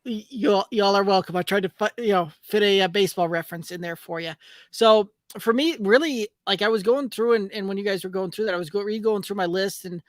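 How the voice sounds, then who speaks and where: A man's voice: high voice, fairly quick, dry recording, studio quality. A man co-hosting a casual fantasy football podcast, talking in a rambling, hesitant way with many fillers, heard over a glitchy, digitized internet call. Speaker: podcast co-host. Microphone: remote call over internet.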